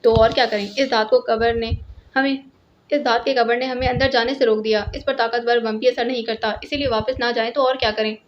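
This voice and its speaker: A woman's voice: fairly high pitch, fairly even intonation, natural voice. A woman voicing a stern male spy leader who barks curt orders, in a storybook reading. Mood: brisk. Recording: lo-fi, dull sound.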